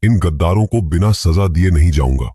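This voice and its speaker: A man's voice: deep voice, expressive, fairly quick, dark tone, slightly rough, no room sound, studio quality. A man voicing a proud, defiant young male necromancer with sarcastic retorts.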